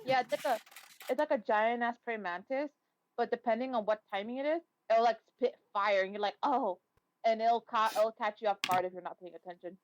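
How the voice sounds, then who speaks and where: A woman's voice: fairly high pitch, brisk, slight background noise, rough recording. A woman chatting casually on a voice call, rambling and swearing freely. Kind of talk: casual chat.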